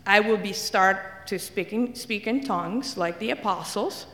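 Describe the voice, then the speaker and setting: Speaking a little slowly in a mid-range, fairly bright voice, an Italian woman, a native Italian speaker, addresses a church as a guest. Her testimony is humorous, built on wry, self-deprecating anecdotes, and the hall adds echoey reverb.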